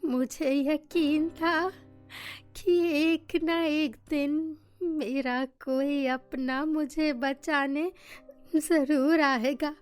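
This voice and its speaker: A woman voicing an old mother held captive, speaking slowly and pleading in a cartoon story. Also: high voice, steady tone, soft background music. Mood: tearful joy. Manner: slow, pleading and emotional.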